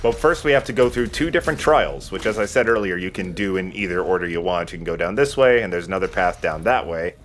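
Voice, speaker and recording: There's slight background noise and video game music as a deep-voiced man races through casual commentary on his let's play, barely pausing. He's expressive and a bit bright, joking and rambling as he plays.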